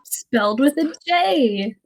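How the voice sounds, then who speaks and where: Young woman, podcast guest, giggly, a bit high-pitched. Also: lively intonation, a crowd in the background. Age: young adult. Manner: giggly, quick casual banter. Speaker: student club officer, guest. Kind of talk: casual chat.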